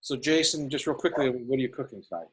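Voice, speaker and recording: A man with a husky voice chatting casually with friends on a video call. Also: medium pitch, animated, fast talker, a little hiss or hum, rough recording. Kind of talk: casual group video chat. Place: indoors on a computer video call.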